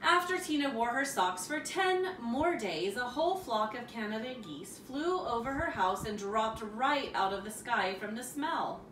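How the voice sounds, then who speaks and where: A woman reading a children's story aloud in an expressive, rhythmic storytelling manner. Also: on the high side, measured pace, few pauses. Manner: expressive, rhythmic with repetition and sound words. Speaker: storybook reader. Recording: roomy, distant mic, music behind. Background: music.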